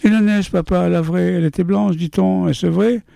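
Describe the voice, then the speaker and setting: A man putting on a high, pleading little boy. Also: fairly even intonation, normal speed, vocal fry, warm tone, no room sound. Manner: pleading, repetitive questions. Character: small curious boy asking his father questions.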